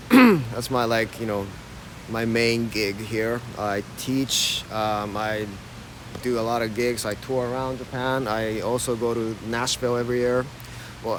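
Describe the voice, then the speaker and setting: A man in his thirties from Ohio, with an American accent, casually leads a live-streamed walking tour along an old city street, chatty and full of fillers. His voice is on the low side, recorded on a phone camera held while walking, with a noisy background.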